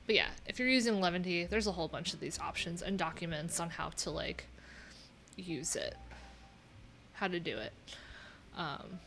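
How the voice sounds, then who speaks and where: A middle-aged woman, a web developer, hosts a casual live coding stream from a small room at home, thinking aloud and reading off her screen with wry, offhand asides. Her fairly low voice is gravelly and a bit bright, animated, at a moderate pace with frequent pauses. A little hiss or hum sits under the audio.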